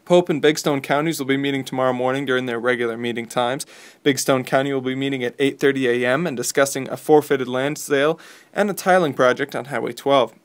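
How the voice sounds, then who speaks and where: A man with an American accent reading scripted local news as a radio newsreader. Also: mid-range voice.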